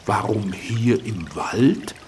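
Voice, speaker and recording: A man voicing an old, wise talking tree in a children's radio play, slow and chuckling. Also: lowish voice, a little mellow, a little hiss or hum. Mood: kindly, teaching.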